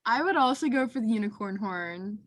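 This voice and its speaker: A young woman, a lacrosse player, giving chatty and thoughtful answers in a relaxed interview. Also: a little high, fairly quick, dry recording. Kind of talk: casual interview chat.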